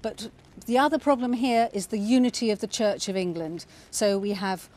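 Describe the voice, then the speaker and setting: A woman's voice: mid-range voice, normal speed, darkish tone. A middle-aged woman correspondent reporting live from a city street, with many hesitations and restarts. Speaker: news correspondent.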